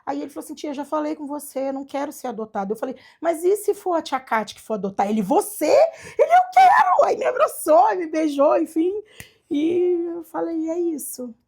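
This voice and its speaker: Brazilian woman telling a long story, kinda high voice, does all the voices. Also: brisk, gravelly. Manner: animated, acts out quoted dialogue. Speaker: guest, adoptive mother. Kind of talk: storytelling in casual chat.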